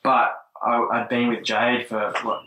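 A man's voice: medium pitch, level tone, unhurried, echoey room, distant mic, noisy background. A man, chatting hesitantly with many fillers and restarts on a podcast. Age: 20s. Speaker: podcast guest. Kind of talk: casual chat.

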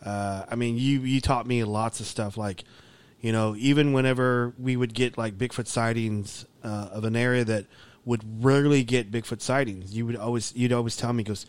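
Podcast host guy, mid pitch, rambles with lots of fillers, dry sound. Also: steady tone, moderate pace, smooth, dry recording. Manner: rambling, full of fillers, quotes others. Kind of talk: casual podcast interview.

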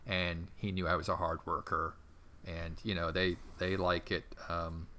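A middle-aged man telling long anecdotes in an interview, rambling and animated, with many fillers and restarts. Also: low-pitched, measured pace, a little hiss or hum. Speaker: interview guest, former theme park entertainment manager. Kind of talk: casual storytelling interview.

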